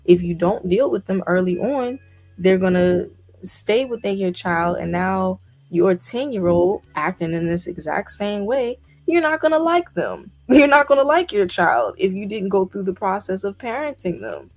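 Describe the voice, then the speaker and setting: Animated and medium-pitched with a darkish tone, she speaks at normal speed as a podcast co-host. It's a casual discussion where she talks emphatically and keeps asking incredulous rhetorical questions over faint background music.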